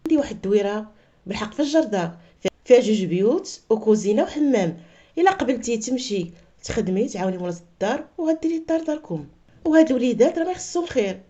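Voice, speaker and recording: Woman doing a soft-spoken kindly Moroccan father. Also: very fast, close to an everyday voice. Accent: Moroccan Arabic. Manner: soft, low and calm. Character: gentle wealthy older father, calm and generous.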